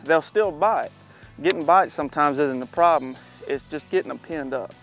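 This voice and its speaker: A man in his thirties, hosting a fishing show, talks casually while fishing from a boat on a pond, easygoing and now and then excited. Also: fairly high pitch, moderate pace, soft background music. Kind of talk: casual on-the-water fishing instruction.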